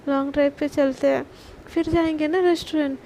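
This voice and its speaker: A young woman caught in a love triangle, coaxing and pleading in a spoken storybook tale, as a woman narrator voices her. Her voice sits high with a mellow, soft tone, and the pleading stays on one narrow line. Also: steady tone, a little fast, a little hiss or hum.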